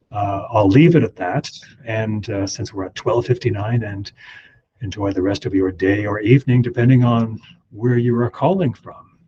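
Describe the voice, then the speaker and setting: A man who is an immigration lawyer, hosting a webinar in an unscripted, halting way with many ums and restarts, heard through a computer mic on a video call. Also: sits low, darkish tone, lo-fi sound, a little hiss or hum. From Canada.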